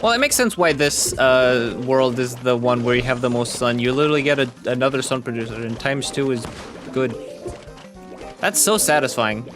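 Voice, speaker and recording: Man, mid-pitched, casual game commentary, rambling, joking, self-mocking, clear music behind. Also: normal speed. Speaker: gaming video host.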